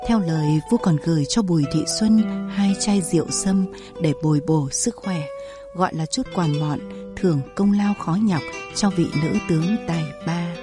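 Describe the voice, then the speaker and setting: A woman narrating a historical story in a measured, dramatic storytelling manner. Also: fairly low pitch. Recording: dry close recording with faint music.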